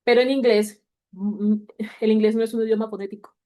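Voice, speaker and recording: A woman teaching a class, patiently explaining grammar and slowly repeating example words. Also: fairly high pitch, steady tone, dark tone. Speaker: English teacher.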